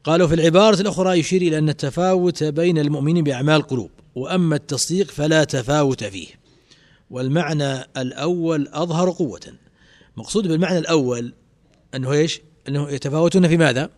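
A man explains a classical text to a class at a brisk pace. He keeps tossing rhetorical questions to his students. His voice sits slightly high. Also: a little mellow. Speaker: sheikh teaching a creed text.

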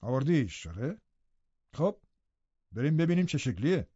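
A man's voice: mid-range voice, big pitch swings, dark tone, breathy edge, no room sound, muffled recording. A man voicing a stern, brusque master of the house who speaks curtly and offhandedly.

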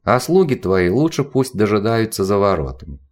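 A lazy, haughty boy priest of about twelve, put on by a man reading a storybook aloud. He answers in short, guarded phrases with a sleepy, superior calm. The voice sits slightly higher than plain male narration and rises and falls freely. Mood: aloof. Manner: restrained, curt and unhurried.

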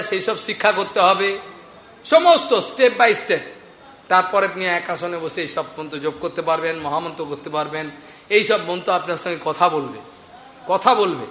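A man's voice: high voice, sharp tone, a little hiss or hum. A man preaching a devotional sermon, telling stories with laughs as he goes. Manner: storytelling with laughs, retelling a conversation. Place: hall in a market. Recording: echoey hall with faint ambience.

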